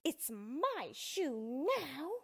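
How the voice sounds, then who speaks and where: A woman voicing a wicked storybook witch with a hissing, drawn-out, theatrical delivery. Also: very high-pitched, big pitch swings, pitched above the performer's own voice, heavily acted. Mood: gloating. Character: wicked witch, menacing, shrieking and gloating.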